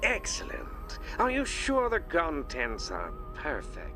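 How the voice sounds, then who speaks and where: An actor playing a scheming evil emperor who gloats in a video game cutscene. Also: male voice, a little high, wildly swooping pitch, full character voice. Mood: gloating. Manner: drawn-out, gloating. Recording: music behind the voice.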